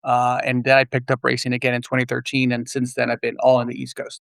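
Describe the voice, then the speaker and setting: Podcast guest: middle-aged man from Puerto Rico, gravelly and flat, measured, dry remote sound. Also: medium pitch, no echo. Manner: measured, frequent "uh" pauses. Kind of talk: casual interview chat. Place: remote, virtual studio.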